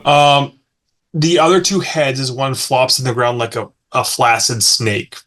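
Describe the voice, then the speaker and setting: A man running a tabletop game as game master, narrating combat in quick bursts broken by fillers and restarts. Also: medium pitch, pushed and bright. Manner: fast, halting with many fillers and restarts.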